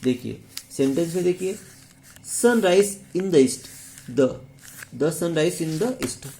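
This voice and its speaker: A man's voice: fairly high pitch, lively intonation, very slow, creaky, mellow, slight background noise. A man teaching English grammar in a video lesson, speaking with a Hindi accent and repeating key words as he asks rhetorical questions. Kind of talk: classroom-style video lesson.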